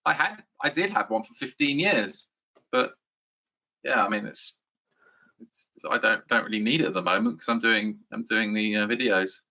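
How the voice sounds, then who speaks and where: A man's voice: on the low side, expressive, normal speed, creaky, pushed and bright, highs cut off. A middle-aged man, chatting as an interview guest in a rambling, self-deprecating way with frequent restarts. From England. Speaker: YouTube guide host, interview guest. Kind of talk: casual interview chat.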